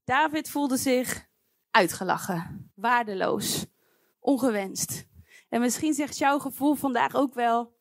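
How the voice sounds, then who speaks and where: A woman's voice: on the high side, slow, no echo, studio quality. A woman preaching a sermon to her congregation, earnest and pleading, speaking directly to her listeners.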